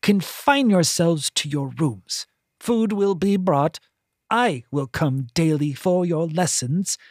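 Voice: mid-range voice, animated, slow, dry recording, clean studio sound, pitched above the performer's own voice. A narrator voicing a stern, strict woman who teaches at a temple and gives curt orders. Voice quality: curt, commanding.

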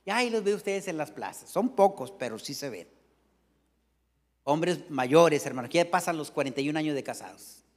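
A man's voice: a little high, lively intonation, normal speed, long reverb tail. A middle-aged man preaching a sermon in a folksy, joking way, calling out to the congregation again and again.

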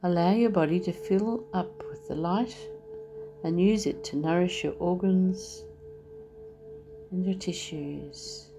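A woman leading a guided meditation, speaking softly and soothingly as she talks the listener through relaxing the body. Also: fairly low pitch. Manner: slow, soft and soothing. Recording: soft music underneath.

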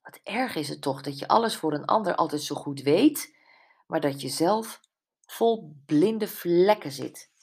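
In an audiobook, a woman plays Brenda, a candid friend who pokes fun at herself, with a wry mood that turns emotional and sometimes tearful. Her voice sits low and darkish with a breathy edge, animated and heavily acted at a measured pace.

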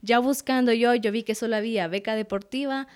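A woman's voice: a little high, brisk. A young adult woman, a guest artist, telling her story in a casual interview and acting out her past words. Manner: animated, acts out her own past words.

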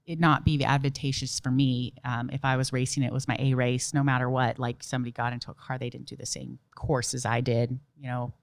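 A woman's voice: very deep voice, little pitch movement, brisk, creaky, few pauses, no echo. A young adult woman, a nurse and ultrarunner, telling stories in a casual interview, laughing easily. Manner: chatty storyteller, laughs often, many "like" and "you know". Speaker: ultramarathon runner and nurse guest.

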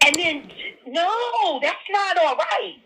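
A woman's voice: very high-pitched, expressive, slow pace, pushed and bright. A woman caller heard over a phone line, talking bluntly and profanely and repeating herself for emphasis in a heated conversation. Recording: phone call audio.

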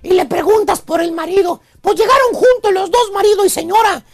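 A woman spins teasing comic tales for a radio audience, jumping into loud, mocking bursts. Her voice sits very high, and a gravelly fry runs through it. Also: brisk. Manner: mocking, animated, often raising her voice. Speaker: comedy segment host. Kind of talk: comic storytelling on a radio show.

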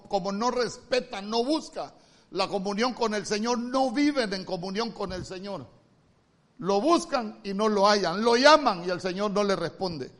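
A male pastor with a Honduran accent preaching a sermon, moving from loud emphatic calls to soft, hushed lines. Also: high voice. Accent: Honduran Spanish.

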